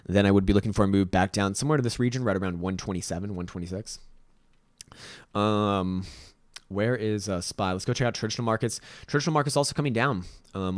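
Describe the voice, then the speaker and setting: A man with a raspy, fairly low voice and a Latvian accent hosts casual chart commentary. He talks very quickly in an informal, self-deprecating way, recorded dry and close. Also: no echo. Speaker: host, market analyst.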